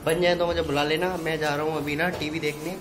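A man's voice: on the high side, little pitch movement, fast talker. Young man vlogging on his phone. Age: 20s. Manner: chatty, teasing, addresses viewers directly. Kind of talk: casual home vlog. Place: home kitchen, later a rooftop at dusk. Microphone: phone at arm's length. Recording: echoey room with loud music.

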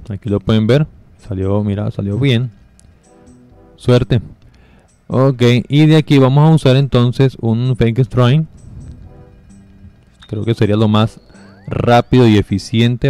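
Walkthrough narrator, male, warm unhurried voice, dry close mic, faint music underneath. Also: medium pitch, clear, resonant tone, dry recording. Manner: relaxed, step-by-step explaining with fillers. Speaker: gameplay guide narrator. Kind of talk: casual game walkthrough commentary.

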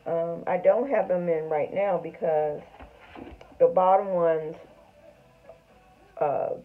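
A middle-aged woman speaking without her front teeth, chatting haltingly to camera in a casual video diary. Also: lowish voice. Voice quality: toothless speech, front teeth missing. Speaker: vlogger. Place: small home room, indoors. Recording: tinny, phone-like narrow sound.

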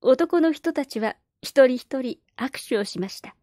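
Audiobook narrator: calm woman, mellow and slightly high voice. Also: measured pace, dry recording, studio quality. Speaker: narrator reading a novel aloud. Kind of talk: scripted storybook narration.

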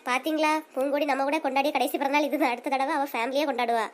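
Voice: high-pitched, steady tone, racing, voice pushed down, natural voice. A woman putting on a nagging Kanyakumari mother. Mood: scolding. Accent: Kanyakumari Tamil. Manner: scolding and teasing. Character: nagging middle-aged mother, sharp-tongued.

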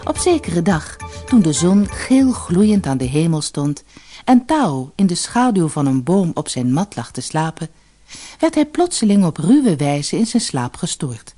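A woman reads a fairy tale aloud in a measured, expressive way. Her voice sits low and mellow, with a very lively melody. Faint music plays behind her. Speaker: storyteller. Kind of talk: scripted narration of a fairy tale.

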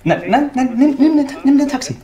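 A man's voice: medium pitch, lively intonation, fairly quick, dull audio, lightly acted. Actor as frantic, volatile man in a short film. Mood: desperate pleading. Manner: agitated, pleading, impatient. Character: frantic, exasperated jobless man caught in a repeating time loop. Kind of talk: naturalistic short-film acting. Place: indoor living room.

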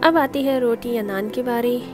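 Over music, a home cooking channel host chats her way through setting a table at home, explaining each step and using some English words. Her voice is on the high side and her pace moderate.

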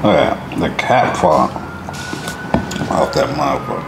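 Deep-voiced man chewing while talking. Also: measured pace. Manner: relaxed slangy talk between bites. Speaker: mukbang vlogger. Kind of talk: casual eating vlog. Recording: echoey room with clear background noise.

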